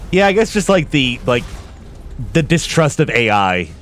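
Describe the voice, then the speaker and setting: A man's voice: medium pitch, very animated, normal speed. A man giving casual, rambling commentary on a game, informal and sweary like an enthusiastic fan. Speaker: video game reactor and commentator. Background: game music and artillery fire.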